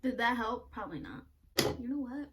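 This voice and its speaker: A woman's voice: on the high side, very animated, a little fast, fairly bright tone. A young woman doing a casual makeup vlog, blunt and self-mocking, swearing freely and laughing at herself. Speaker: beauty vlogger. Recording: somewhat distant mic with faint noise.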